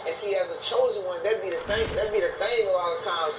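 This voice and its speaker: Boastful high-voiced man, echoey and distant. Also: quick pace. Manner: boastful, profane, repetitive. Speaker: gaming streamer. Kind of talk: casual rambling monologue while gaming. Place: in Thailand. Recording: echoey, distant mic, noisy background.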